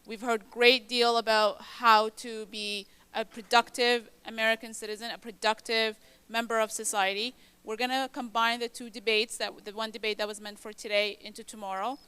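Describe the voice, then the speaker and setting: A woman moderating a conference, wrapping up the day with upbeat, brisk closing remarks. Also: a little high, flat delivery, pushed and bright, clear, resonant tone.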